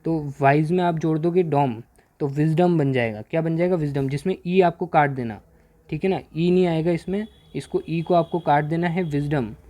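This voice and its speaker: Man, teacher, worksheet lesson, answers his own questions, slightly high voice, warm tone. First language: Hindi. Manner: repeats questions and answers them himself; reads English sentences slowly.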